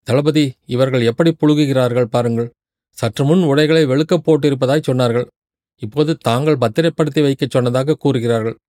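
A man voicing a young, indignant male warrior envoy who speaks in a rapid, scolding torrent, read in a storybook narration. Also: medium pitch, steady tone, dark tone, no room sound, clean studio sound, close to an everyday voice.

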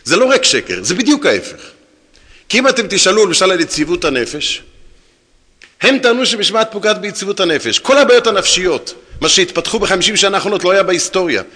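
A rabbi giving a lecture to an audience, telling stories and acting out the dialogue himself. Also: male voice, high-pitched. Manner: animated storyteller acting out quoted dialogue. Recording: long hall reverb.

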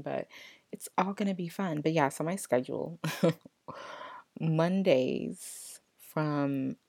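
Brief: young woman, very low and gravelly voice, dry close mic, chatty and rambling. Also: darkish tone, no room sound. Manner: chatty, lots of fillers and restarts. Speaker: law student. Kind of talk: casual chat.

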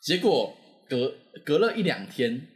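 Unhurried and a little high-pitched, a young man with a Taiwanese Mandarin accent relates a story in casual talk. He stays lively and animated, doing voices for the people he quotes.

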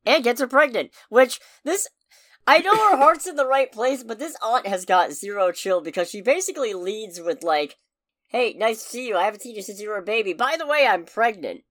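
A woman co-hosts a podcast, chatting casually about a film as a lively storyteller with wry, profane humor. Her voice is a little high and a little fast, with no room sound.

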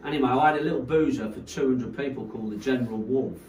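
A man's voice: medium pitch, fast, a little mellow, recorded from a distance, a little hiss or hum. A man from Coventry spins long, rambling stories as a guest, leaning on "like, you know." His voice carries a roomy echo and sits a little back from the mic, with faint ambience behind him. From Coventry, England. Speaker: rave promoter, guest. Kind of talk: casual storytelling interview.

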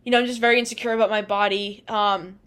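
A woman's voice: medium pitch, fairly even intonation, quick pace, fairly bright tone. A woman in her twenties telling a personal story on a podcast, rambling with lots of "like" and "um" and laughing often. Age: 20s. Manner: rambling, fills with "like" and "um". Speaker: podcast co-host. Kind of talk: casual storytelling chat.

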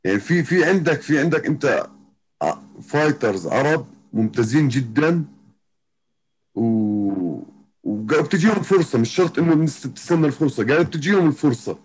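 On poor audio, a Jordanian MMA fighter speaks briskly and expressively in a higher-pitched voice. His accent is Palestinian-Jordanian Arabic, and in this casual interview chat he often circles back to rephrase himself.

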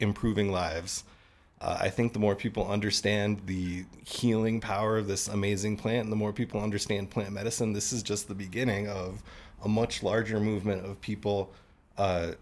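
A man talking as a podcast guest, earnestly explaining policy in a casual chat and laughing at himself now and then. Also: fairly low pitch. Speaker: podcast guest, cannabis trade group representative.

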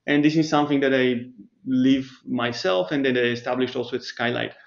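A man from Bulgaria, a startup CEO, answering interview questions in a measured, explanatory way, with restarts and thinking pauses. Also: mid-range voice, gravelly, dull audio.

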